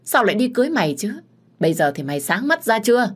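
A woman's voice: low voice, moderate pace, a little mellow. Woman voicing a stern older housemaid. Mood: scolding. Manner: respectful to her mistress, harsh to the girl. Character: older female household servant, stern and scolding.

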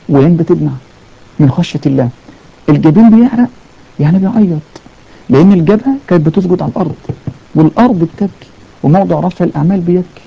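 A man with an Egyptian accent preaches a fervent sermon in colloquial Arabic, telling stories with emphatic repetitions and taking callers. His voice is a little high and gravelly, and the audio is dull and lo-fi.

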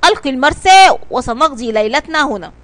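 A calm, resolute male sea captain gives orders firmly in a children's storybook, voiced by a woman. He speaks in measured tones on a high pitch. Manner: firm and measured. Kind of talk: storybook reading.

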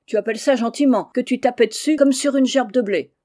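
A woman voicing a quarrelsome old peasant husband who shouts in rustic speech. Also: a little high, a little fast, voice pushed up, lightly acted. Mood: angry shouting.

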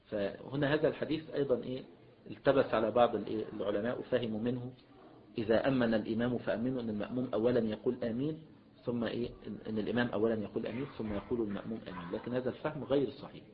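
A man with an Egyptian accent teaching a religious lesson as a sheikh, mixing classical and colloquial Arabic and often prompting listeners with a questioning "what?". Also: medium pitch. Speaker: sheikh teaching Islamic jurisprudence. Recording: dull lo-fi lecture recording.

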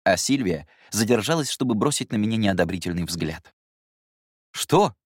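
A man reading a first-person story aloud in a calm, measured way. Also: fairly low pitch, no echo, studio quality. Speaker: audiobook reader. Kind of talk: first-person audiobook narration.

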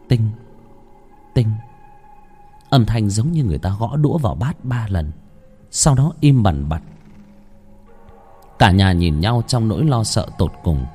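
A man's voice: fairly low pitch, mellow, slightly rough. A man narrating a ghost story in a dramatic, suspenseful manner.

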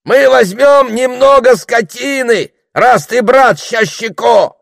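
A man voicing a threatening young male armed raider in an audiobook, loud and menacing. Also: very high-pitched, slow pace, gravelly, no echo, clean studio sound, pitched above the performer's own voice, exaggerated voice.

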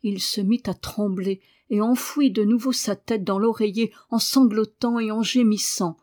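A woman reading a novel aloud as audiobook narration, measured and expressive. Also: mid-range voice. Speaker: audiobook reader. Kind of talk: scripted narration.

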